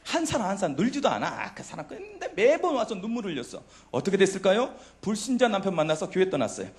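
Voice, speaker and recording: Male pastor, middle-aged, youth sermon, high voice, swoops up and down, quizzes the crowd. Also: fast. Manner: animated, asks the congregation questions and answers them himself.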